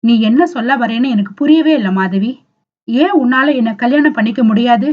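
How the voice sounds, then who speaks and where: A woman's voice: on the high side, moderate pace, highs cut off, lightly acted. A woman reading the lines of a young man in love who pleads earnestly and tearfully. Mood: firm, tender.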